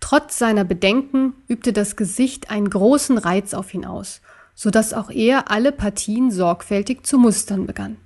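A woman's voice: medium pitch, moderate pace, a little mellow. Woman reading a children's story. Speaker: narrator. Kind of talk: scripted children's story narration.

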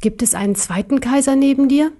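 A woman voicing a brave, angry little male teddy bear in an audiobook, raising her voice high and indignant. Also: a little fast, dark tone. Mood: defiant. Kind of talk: audiobook character voice.

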